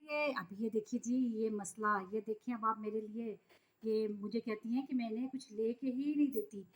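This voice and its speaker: A woman's voice: fairly high pitch, moderate pace, highs cut off. A middle-aged woman from Pakistan vlogging casually, talking to her viewers in an exasperated, complaining way. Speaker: vlogger, mother. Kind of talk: casual vlog monologue.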